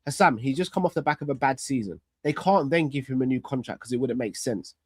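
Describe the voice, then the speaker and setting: A man's voice: medium pitch, fast talker, husky, dry recording, clean studio sound. A man in a heated football pundit debate, insistently arguing point by point. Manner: insistent, argues point by point, pleads to finish. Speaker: football fan pundit on a panel show.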